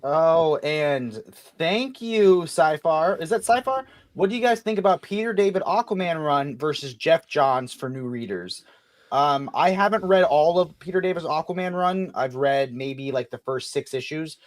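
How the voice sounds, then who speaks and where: A man's voice: a little high, animated, moderate pace, dry recording. Rambling man hosting a livestream. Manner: rambling, many fillers and restarts. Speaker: host. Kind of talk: casual livestream chat.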